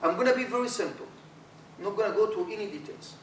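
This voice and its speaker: With a distant mic picking him up across a reverberant lecture room, the middle-aged imam with an Arabic accent talks quickly to his workshop trainees. He sounds high-pitched and animated, often repeating words, and a slight hiss lies beneath.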